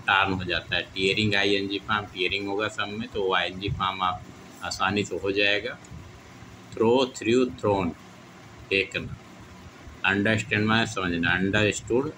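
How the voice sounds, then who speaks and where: A man teaching English grammar in Hindi with a Hindi accent, repeating each verb form slowly in drill style. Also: on the low side, noisy background. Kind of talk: classroom lesson reciting verb forms.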